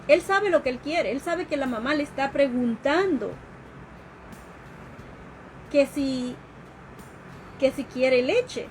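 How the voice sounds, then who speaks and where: A woman educator with a high voice lectures at an unhurried pace during a live stream. She explains patiently, pausing on fillers and restarting her sentences. A faint hiss of background noise runs under her voice. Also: lively intonation, low-quality recording. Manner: explanatory, with fillers and restarts, acts out quoted questions. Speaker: educator giving a talk.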